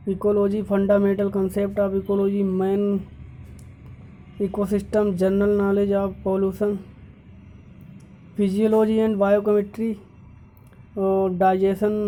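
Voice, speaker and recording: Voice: medium pitch, mellow, slight background noise. A teacher on a video channel reads out an exam syllabus topic by topic and stops to point out mistakes in it. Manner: lists topics one by one, stopping to correct errors. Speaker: YouTube teacher.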